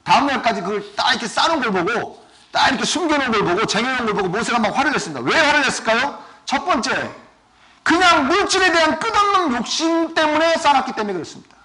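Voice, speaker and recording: A male pastor giving a sermon, asking his congregation questions and swinging between loud and soft. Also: very high-pitched, big pitch swings, quick pace. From South Korea. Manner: asks the congregation questions often.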